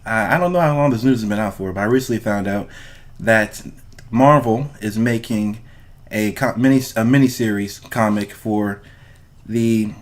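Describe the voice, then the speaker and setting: Speaking directly to his audience, a podcast host keeps things informal and swears freely. His voice sits lowish and moves at a moderate pace.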